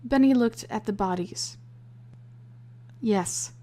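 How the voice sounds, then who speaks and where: A woman narrating a first-person novel in a plain, measured storytelling manner. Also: medium pitch, steady tone, a little mellow. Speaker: audiobook narrator.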